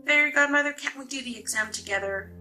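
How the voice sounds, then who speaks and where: A woman's voice: high-pitched, quick pace, faint music behind, pitched above the performer's own voice. A woman reading aloud voices a prim, fussy young female fairy who speaks sharply. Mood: snippy. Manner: pleading then sharp and snippy.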